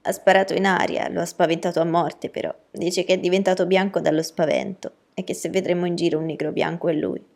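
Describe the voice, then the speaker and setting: A woman's voice: lowish voice, fairly quick, vocal fry, few pauses, darkish tone. A woman voicing a gossipy middle-aged neighbor in a storybook reading, telling news with relish.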